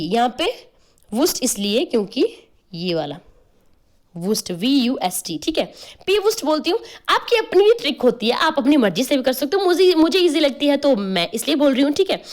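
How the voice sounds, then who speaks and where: A woman's voice: high voice, big pitch swings, fairly quick. A woman teaching a biology class. She explains step by step, spells terms out letter by letter and keeps checking whether the students have followed. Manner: explains step by step, often asks "clear?" and "okay?"; spells out terms letter by letter, uses playful memory tricks. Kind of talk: online class lecture.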